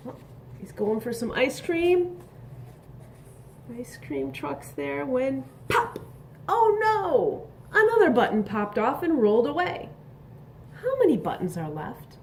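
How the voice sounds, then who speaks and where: This woman's voice sits high as she reads a picture book to young children, expressive and teacherly, breaking off to pose questions and add side comments. There's a slight hiss or hum in the audio.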